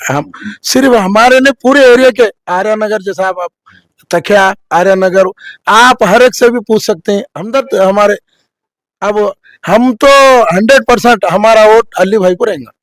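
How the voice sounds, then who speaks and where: A man's voice: sits high, moderate pace, no room sound. A man, a resident answering a street interview in a rambling, earnest way.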